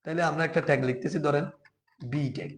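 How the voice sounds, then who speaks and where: A man from Bangladesh teaching a beginner web design class, explaining slowly and patiently step by step. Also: on the high side, fairly even intonation, echoey room. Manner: slow, patient, step-by-step, often asks "ঠিক আছে?". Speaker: programming teacher. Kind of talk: live screen-share coding class.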